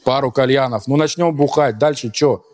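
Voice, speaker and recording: A man's voice: mid-range voice, moderate pace, a little mellow, close to an everyday voice. An actor playing a world-weary, aging party guy who grumbles in Russian gopnik street slang in a comedy sketch. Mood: dismissive.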